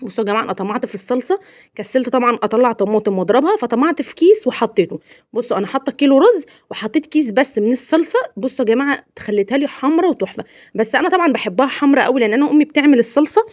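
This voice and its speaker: Brief: young Egyptian woman, home vlogger, rapid chatty delivery, dry close mic. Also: on the high side, no room sound. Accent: Egyptian Arabic. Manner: chatty and playful, laughs often. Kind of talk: chatty home vlog voice-over.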